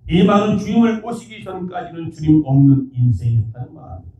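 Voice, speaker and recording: A man preaching a sermon, emphatic, at times rising to a shout. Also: a little high, animated, quick pace. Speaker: pastor. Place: church sanctuary. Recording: dull, echoey church sound from far off.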